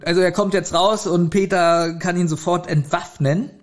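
A high-pitched man speaks at a moderate pace with fairly even intonation. He co-hosts a podcast, where he retells a plot and critiques it in an informal, chatty review.

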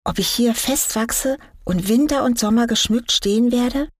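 A woman's voice: on the high side, normal speed, no room sound, studio quality, pitched above the performer's own voice, lightly acted. A woman voicing a young fir tree, eager and naive, in a wondering, questioning tone. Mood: longing.

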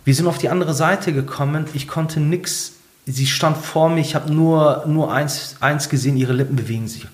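A man with a fairly high voice speaks at a moderate pace as a guest recounting his life story. He tells it casually, full of fillers and "ich so," and acts out quoted dialogue in shifting voices.

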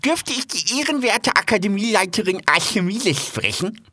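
A vain drake of a storybook, posing as a lord and talking in stiff, grand phrases, as a man voices him. The voice is bright and swings widely with self-importance. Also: high voice, sing-song, moderate pace, no echo, exaggerated voice. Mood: pompous. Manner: pompous, stilted formal speech. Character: pompous male duck, a self-styled aristocrat.

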